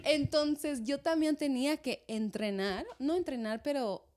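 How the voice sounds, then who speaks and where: A young woman co-hosting a casual chat, animated and slipping English phrases into her Spanish. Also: sits high, unhurried. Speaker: co-host.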